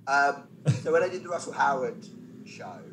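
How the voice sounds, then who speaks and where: As a podcast guest, a male stand-up comic tells self-deprecating anecdotes in a chatty way, slipping in wry asides. His voice is average in pitch for a man and fairly bright, and he talks at a normal speed. Some background noise sits under the recording.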